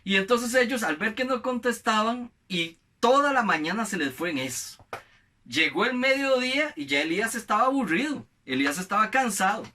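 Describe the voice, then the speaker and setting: A high, bright male voice preaching a sermon. He swings his pitch widely as he retells a scripture story and acts out the voices of the people in it. The delivery is animated and expressive. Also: moderate pace.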